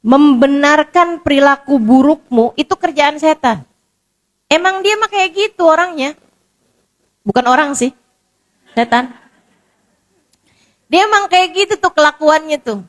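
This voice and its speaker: A woman's voice: high voice, animated, unhurried, long pauses. A woman preacher giving a casual, conversational sermon, full of repetition and rhetorical questions. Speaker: Islamic preacher.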